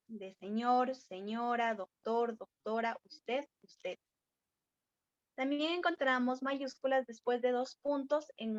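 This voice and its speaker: A young woman reading a class presentation in a steady way, pointing to examples on a board. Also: fairly high pitch, dry recording. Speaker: student presenter. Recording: dry, dull lo-fi sound.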